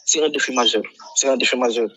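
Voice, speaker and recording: A man from Senegal, answering interview questions about flooding in a halting way, full of fillers and repeated words. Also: mid-range voice, bright, forceful tone, slightly rough, lo-fi sound. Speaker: flood prevention activist, guest.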